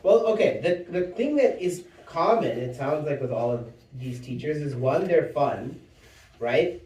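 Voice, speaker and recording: A man's voice: on the high side, lively intonation, measured pace, a little mellow, slight background noise. A man, a guest speaker, asking a group of children questions in a class with short friendly follow-ups. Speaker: guest speaker teaching kids. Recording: echoey room, far from mic.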